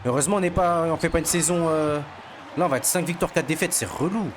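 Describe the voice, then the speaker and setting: A man's voice: on the high side, fast talker, noisy background. A young man, a gaming streamer, commentating his basketball game in casual, boastful, slangy trash talk aimed at his viewers.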